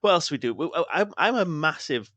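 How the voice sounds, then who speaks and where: Lively, laughing male podcast co-host. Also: on the high side, brisk, no room sound, muffled recording. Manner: laughs often, enthusiastic. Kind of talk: casual podcast banter.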